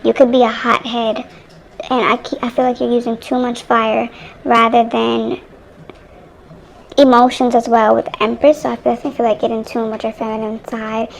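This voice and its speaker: Chatty woman with a gravelly edge. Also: on the high side, flat delivery, moderate pace, a little hiss or hum, low-quality recording. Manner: chatty and rambling, addressing viewers directly. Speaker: tarot reader. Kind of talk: casual tarot reading to viewers. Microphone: phone microphone.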